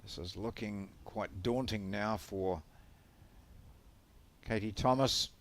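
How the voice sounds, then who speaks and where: A man giving live sports commentary in measured, unhurried calls. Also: lowish voice, fairly bright tone, slight background noise.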